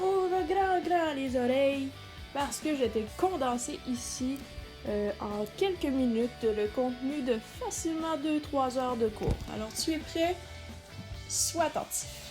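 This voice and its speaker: A woman giving an explanatory lesson as a teacher, speaking directly to the listener and stressing key words. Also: sits high. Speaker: teacher presenting an instructional video. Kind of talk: explanatory lesson addressed to students.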